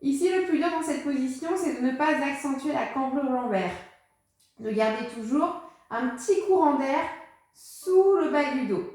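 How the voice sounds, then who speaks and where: A woman leading a pilates class, calmly talking students through each movement and counting breaths aloud in a relaxed, chatty way. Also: high voice, normal speed. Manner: calm, encouraging, counts breaths aloud with casual fillers. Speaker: pilates instructor. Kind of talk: guided exercise class. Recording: echoey room with music behind.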